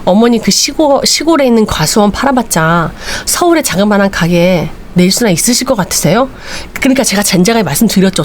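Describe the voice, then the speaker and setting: A woman hosting a late-night live show, casually retelling a story and acting out the characters' lines with sudden shouts. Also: mid-range voice, a little hiss or hum. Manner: animated, voices each character with sudden shouts. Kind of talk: casual storytelling with acted-out quotes.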